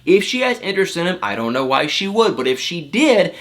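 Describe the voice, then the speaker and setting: A man's voice: high voice, big pitch swings, brisk, fairly bright tone. A man hosting a casual, opinionated recap, chatty and given to repeating words for emphasis. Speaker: host of a reality TV recap.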